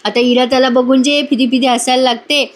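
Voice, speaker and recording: A woman's voice: sits high, flat delivery, brisk. A woman narrating a chatty storytelling recap of a TV serial and speaking straight to her viewers. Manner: chatty retelling that addresses the viewers directly.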